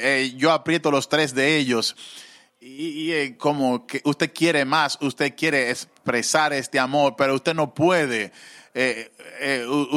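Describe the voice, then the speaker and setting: A man preaching a sermon, halting with fillers, then rising into fervent, emotional pleas. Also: mid-range voice, fairly bright tone.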